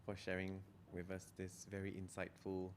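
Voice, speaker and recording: A man hosts the interview in a fairly low voice. He keeps his turns short and polite, thanking the guest and prompting him with brief questions, with a faint hiss of noise underneath. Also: completely flat delivery, moderate pace. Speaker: host. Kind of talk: interview hosting.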